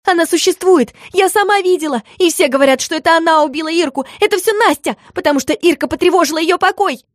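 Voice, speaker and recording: A woman voicing a panicky young woman who believes in ghosts, talking high, shrill and excitable in a dry reading. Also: moderate pace, dry recording.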